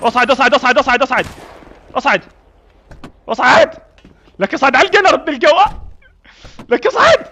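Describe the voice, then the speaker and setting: A man's voice: high-pitched, expressive, very fast, bright, forceful tone, a little hiss or hum. A man with an Iraqi accent playing a defiant army colonel in a street confrontation skit, talking bluntly and barking commands. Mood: furious. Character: defiant middle-aged male army colonel.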